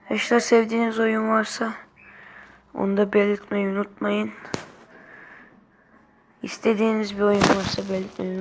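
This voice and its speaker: A woman hosting a gaming channel, giving excitable let's-play commentary and shouting bursts at the game. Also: mid-range voice. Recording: noisy recording with clicking sounds.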